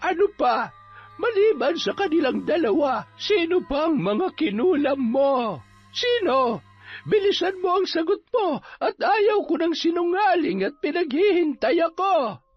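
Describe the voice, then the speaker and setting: A performer playing a stern old folk healer who gives deliberate, threatening commands. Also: extremely high pitch, big pitch swings, no room sound, dull audio, exaggerated voice. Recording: band-limited audio with music behind.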